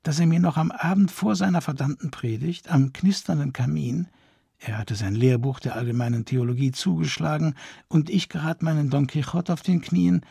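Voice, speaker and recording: A weepy, indignant noblewoman pours out her grievances in tearful, high-strung bursts, as a male audiobook reader puts her on. Her voice is gravelly and deeply husky, and the sound is close and dry. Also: moderate pace, dark tone, no room sound. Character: distraught aristocratic woman, weepy and indignant. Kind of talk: audiobook character voice.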